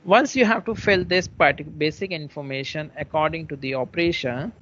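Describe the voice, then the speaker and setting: A man presenting software features in an online webinar. He explains each step in turn and often restates his phrases. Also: fairly high pitch, fairly quick. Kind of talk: online product webinar walkthrough. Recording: muffled webinar audio with faint noise.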